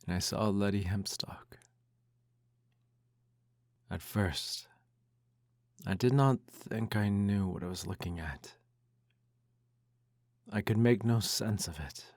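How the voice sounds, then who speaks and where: A man in an ASMR role-play reads a bedtime story aloud in a soft, intimate, hushed voice that slips into speaks softly. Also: lowish voice, takes it slowly, pauses often, dry recording.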